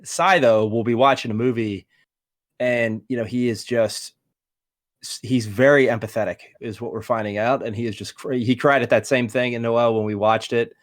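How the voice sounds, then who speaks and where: A man's voice: medium pitch, steady tone, moderate pace. A man in his thirties with a medium voice, co-hosting a gaming podcast. He talks in an easygoing, dad-like way as he tells family stories. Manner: easygoing dad-talk storyteller. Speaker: podcast co-host. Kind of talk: casual chat.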